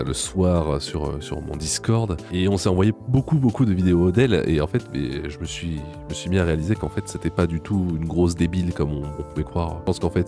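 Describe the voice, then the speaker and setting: A man hosting a reaction video, making sarcastic, deadpan comments. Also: deep voice. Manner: mocking, deadpan asides.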